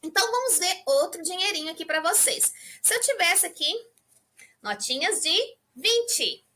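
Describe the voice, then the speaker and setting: A woman's voice: extremely high pitch, very animated, moderate pace, pushed and bright, a little hiss or hum. A woman from Brazil teaching an English lesson to beginners, patiently checking in with her students all the time. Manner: patient, checks in with the class constantly.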